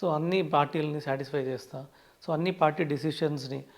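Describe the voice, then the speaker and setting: In a brisk, fairly high-pitched voice with fairly even intonation, a Telugu-accented man speaks as a finance expert in an interview. He often opens with "so" and mixes English terms into his explanations.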